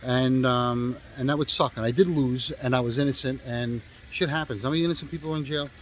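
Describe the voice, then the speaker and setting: Casting: man, real estate agent, loose rambling storyteller, salty language, lots of fillers, mid-pitched voice. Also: fairly even intonation, brisk, slight background noise, rough recording. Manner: rambling, profane, full of fillers and restarts. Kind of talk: casual storytelling.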